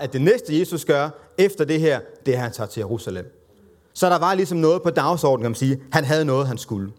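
A man preaching a conversational, self-deprecating sermon and acting out the voices of the people in the story. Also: fairly high pitch.

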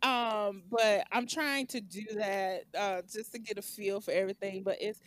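A woman's voice: mid-range voice, fairly even intonation, normal speed, a bit bright. A woman co-hosting a music review podcast, talking in a rambling, enthusiastic way and laughing often. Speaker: podcast co-host. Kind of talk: casual chat.

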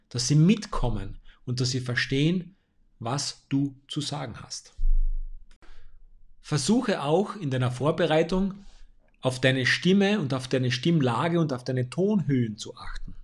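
Man, stage presenter type, fairly high voice, talks straight to the listener with practical tips. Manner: addresses the listener directly, steady advisory tone. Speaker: speaking coach and stage presenter. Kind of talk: instructional monologue with tips.

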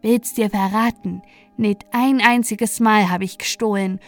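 A woman's voice: medium pitch, fairly even intonation, a little slow, soft background music, lightly acted. A woman voicing a cheeky little peasant boy who chatters boastfully in dialect. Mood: chirpy.

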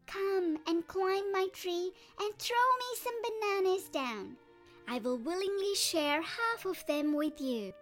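A woman voicing a small, clever male turtle in a storybook, in a high squeaky put-on voice. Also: lively intonation, slow, a bit bright, faint music behind, exaggerated voice. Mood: calling up.

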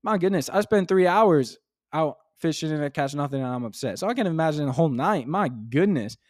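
A man's voice: a little high, expressive, fairly quick, no room sound, clean studio sound. A young man hosting a casual faith podcast from his dining room, talking enthusiastically and rambling with lots of fillers. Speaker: podcast host. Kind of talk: casual devotional podcast talk.

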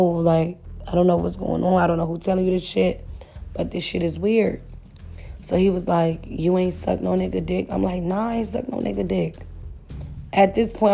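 A woman's voice: fairly low pitch, gravelly, husky. A young adult woman casually telling a profane personal story, acting out both sides of the dialogue. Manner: blunt, profane, animated retelling with quoted dialogue. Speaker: storyteller sharing a listener's story.

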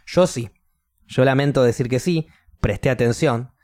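A young man with a Rioplatense Spanish accent, telling a story in casual chat, swearing and loudly acting out quotes. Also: medium pitch, unhurried.

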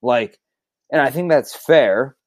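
A man's voice: mid-range voice, slow, no room sound. A man on a podcast telling a story in casual chat, rambling with lots of fillers and restarts and swearing freely. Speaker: podcast co-host.

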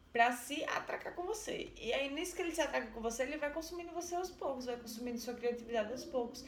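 A woman with a Brazilian accent retelling a folk tale and explaining it in a chatty, animated way. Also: high-pitched, noisy background. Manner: chatty, animated, with many fillers. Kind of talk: casual storytelling and explanation. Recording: roomy echo.

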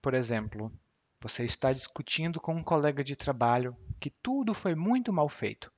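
A man teaches everyday Portuguese expressions in a podcast lesson. His pitch swings widely as he acts out little example conversations. The recording sounds a bit dull and lo-fi. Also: moderate pace. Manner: lively, acts out example dialogues. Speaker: language teacher.

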